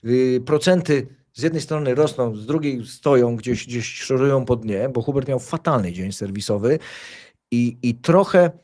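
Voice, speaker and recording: A man's voice: mid-range voice, moderate pace, mellow. A man who commentates tennis, telling stories in casual chat, rambling with many fillers and restarts. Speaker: tennis commentator and show host.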